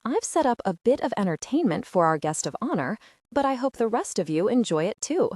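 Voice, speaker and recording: A woman's voice: a little high, very animated, a little fast, darkish tone, no echo, clean studio sound, pitched above the performer's own voice. A woman voicing a cruel male vampire raider king who taunts with false friendliness. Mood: taunting.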